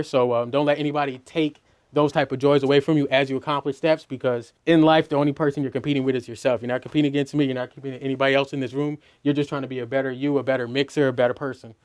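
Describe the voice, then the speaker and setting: A middle-aged mix engineer teaches a walkthrough of his mixing in a studio, talking very fast at a medium pitch with little pitch movement. His tone is a little mellow, and his casual, loose style is full of "you know" and restarts.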